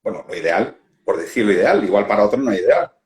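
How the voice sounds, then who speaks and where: Un hombre con acento de España que da una charla espiritual reflexiva con calma, pensando en voz alta y riéndose de sus propios ejemplos, grabado con un teléfono en una transmisión en directo. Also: male voice, fairly low pitch. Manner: unhurried, musing, laughs at own examples. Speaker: non-duality facilitator. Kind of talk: reflective spiritual talk. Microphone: phone on a live stream.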